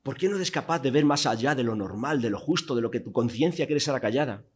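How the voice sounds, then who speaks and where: A man from Spain, preaching a sermon in a church hall, telling the story vividly with rhetorical questions and swings from loud to hushed. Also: medium pitch, expressive, fast, husky.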